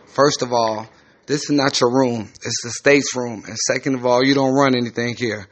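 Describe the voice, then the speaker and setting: A man's voice: mid-range voice, fairly even intonation, moderate pace, close to an everyday voice. A man voicing a fed-up, slangy teenage boy in rehab. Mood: annoyed. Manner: blunt, slangy, swearing.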